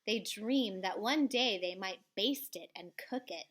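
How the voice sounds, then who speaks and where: Unhurried and mid-range in pitch, a woman reads aloud from a children's storybook. Her expressive, school-librarian delivery moves between theatrical swells and hushed drops.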